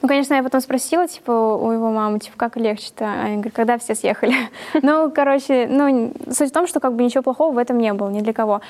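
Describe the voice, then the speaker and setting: A woman's voice: a little high, rapid-fire, darkish tone. A young woman guest sharing her views in a casual panel talk, chatty and informal. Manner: chatty, with frequent fillers and restarts. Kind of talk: casual discussion.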